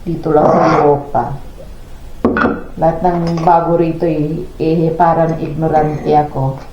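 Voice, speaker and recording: Woman, Pangasinan accent, rambling vlog chatter, lowish voice, echoey kitchen, muffled lo-fi sound. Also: flat delivery, unhurried. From Philippines, Pangasinan. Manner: chatty and rambling, narrating chores as she goes. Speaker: vlogger. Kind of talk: casual vlog narration. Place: home kitchen, indoors. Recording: roomy, dull lo-fi with faint noise.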